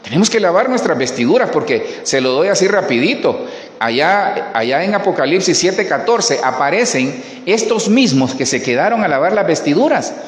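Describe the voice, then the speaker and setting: Preacher, animated, emphatic, higher voice, roomy church sound. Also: male voice. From Colombia. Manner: preaching emphatically, repeating words and addressing the congregation. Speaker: pastor. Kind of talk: sermon. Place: church hall. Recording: echoey hall.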